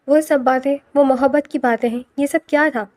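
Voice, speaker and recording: A woman's voice: sits high, steady tone, darkish tone, no echo, studio quality, close to an everyday voice. A woman voicing a heartbroken, shy young man speaking sadly of himself. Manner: sad, self-pitying.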